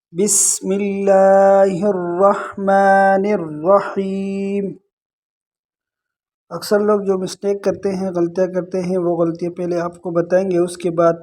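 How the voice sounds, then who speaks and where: A male Quran teacher, moving between brisk explanation and slow, drawn-out recitation. His voice sits high and stays level in pitch. He points out errors plainly and then chants each verse carefully. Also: warm tone. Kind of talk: tajweed lesson with recited examples.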